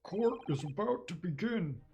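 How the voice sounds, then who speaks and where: A man doing a loud, stern court bailiff. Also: high voice, expressive, a little slow, background noise. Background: game music.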